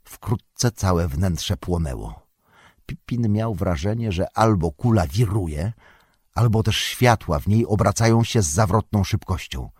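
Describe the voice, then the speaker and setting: A man narrating an audiobook in a measured, even storytelling manner. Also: sits low, husky, no echo.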